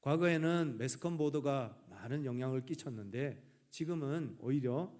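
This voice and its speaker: A male pastor from the Gyeongsang region preaching a sermon earnestly, letting his sentence endings fall soft and quiet. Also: medium pitch, lively intonation, normal speed. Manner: earnest, trailing off softly at sentence ends.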